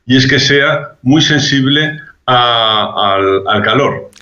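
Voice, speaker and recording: A man being interviewed as a public health expert, giving measured, reasoned answers with frequent restarts. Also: mid-range voice, bright, forceful tone. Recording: roomy, dull lo-fi sound.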